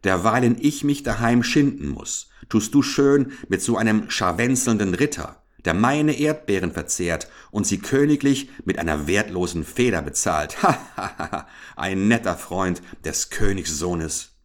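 A man's voice: on the low side, expressive, moderate pace, few pauses, natural voice. A man voicing a harsh, greedy farmer's wife who scolds and mocks her maid in a fairy tale reading. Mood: mocking. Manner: scolding and mocking.

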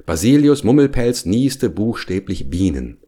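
Guy with a low voice reading a kids' story, lots of up and down. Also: very animated, unhurried, mellow. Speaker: narrator.

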